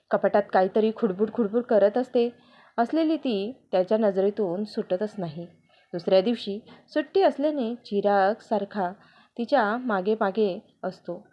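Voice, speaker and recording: A woman narrating a scripted family story in a calm, even manner, on a dull lo-fi recording. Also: medium pitch.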